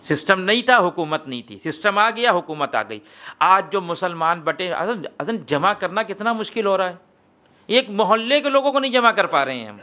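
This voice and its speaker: A man with an Indian Urdu accent preaching a lecture in a hall. His voice sits high and sounds bright and forceful. He builds rhetorical questions to emphatic peaks, then sinks low and quiet. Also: sing-song. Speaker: Shia cleric giving a majlis lecture.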